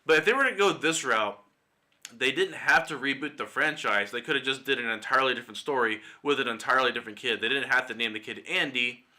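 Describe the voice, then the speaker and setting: A man talks through his opinions in a loose, speculative solo commentary, now and then dropping a curse. His voice has a very bright, cutting edge at an ordinary male pitch. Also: fast talker. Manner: speculative, opinionated, casually swearing. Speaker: YouTube movie commentator. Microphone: desktop mic, screen-recorded video.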